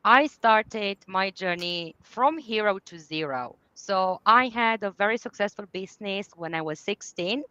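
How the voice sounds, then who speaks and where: Romanian woman guest, bright voice, dry slightly dull call audio, laughs a lot. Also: mid-range voice, expressive, unhurried, few pauses, clean tone, no echo. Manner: warm, laughs often, non-native phrasing. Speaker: guest, business clarity coach. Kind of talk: podcast interview.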